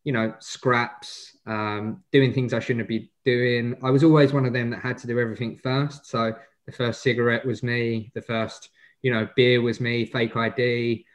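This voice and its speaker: A man's voice: medium pitch, level tone, normal speed. A man in his twenties with an Essex accent, giving casual, informal interview answers as a guest, often hesitating and rephrasing. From Essex, England. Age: 20s. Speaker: podcast guest, wealth manager.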